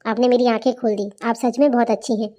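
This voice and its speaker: A woman's voice: a little high, flat delivery, quick pace, warm tone, lightly acted. A woman voicing a frustrated, overworked young daughter-in-law in a cartoon, speaking in a complaining, plaintive way. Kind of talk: cartoon voice acting.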